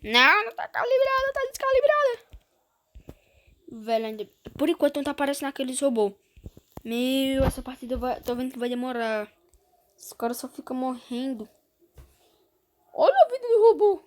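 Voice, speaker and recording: A woman with a Brazilian Portuguese accent giving excitable gameplay commentary, often breaking into panicked exclamations. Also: sits high, a little fast, a little hiss or hum. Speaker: gamer streamer.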